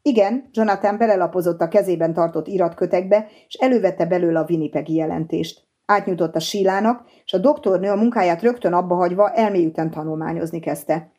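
A woman reading an audiobook novel in an even, measured narration. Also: lowish voice, breathy edge. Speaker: audiobook reader.

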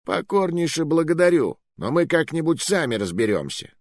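In a studio-quality audiobook with no echo, a man voices a short, fat, hot-tempered rogue who snaps and grumbles irritably. His pitch sits on the high side and swings widely, the voice pushed upward, at a normal speed.

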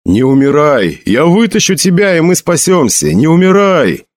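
A man's voice: medium pitch, big pitch swings, a little slow, pitched above the performer's own voice. A man voicing a young man who mourns his fallen friend and vows fiery revenge, with a raised, pleading, then vengeful voice. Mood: anguished pleading.

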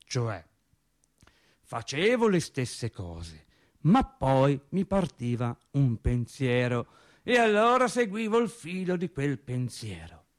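In a theatrical radio monologue, a man plays an earnest, rambling working-class factory worker who talks colloquially and emphatically, repeating and interrupting himself in a confiding mood. His mid-range voice swings widely in pitch, and he speaks slowly.

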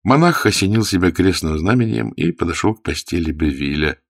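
A man reading a classic novel aloud in measured storytelling. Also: deep voice, expressive, no room sound, studio quality. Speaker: narrator.

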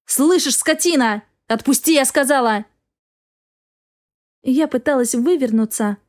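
A woman's voice: high-pitched, a little mellow. A woman narrating a first-person story as an audiobook reader, with an intense, dramatic delivery.

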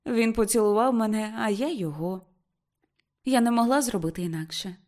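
A tremulous young woman in love pours out her feelings in a raised, pleading voice, as a woman reads her part in an audiobook. Her speech comes high, excited and shaky. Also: brisk, close to an everyday voice.

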